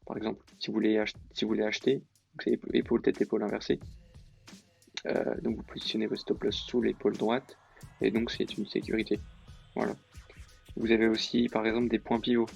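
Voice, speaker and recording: A man's voice: lowish voice, level tone, brisk, gravelly, darkish tone, slightly rough, soft background music. A man explaining a trading lesson in a casual, hesitant way, with many fillers and self-corrections. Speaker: trading tutor. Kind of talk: casual screen-recorded lesson.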